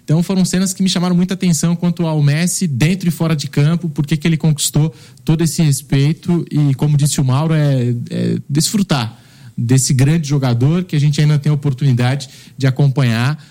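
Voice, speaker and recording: Mellow football panelist. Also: male voice, fairly high pitch, fairly even intonation, brisk. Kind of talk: sports panel commentary.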